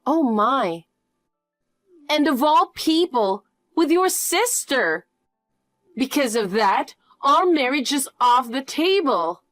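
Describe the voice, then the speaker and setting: A woman voicing a greedy, pushy middle-aged birth mother who talks in a demanding, shrill way. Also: big pitch swings, slow pace, a bit bright, no room sound, clean studio sound, faint music behind, full character voice. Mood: pleading. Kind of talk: animated story voice.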